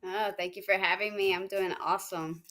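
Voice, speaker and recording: A young woman from Hawaii, a fighter talking casually in an interview, relaxed and rambling with many fillers. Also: mid-range voice, fairly quick. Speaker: MMA fighter, guest.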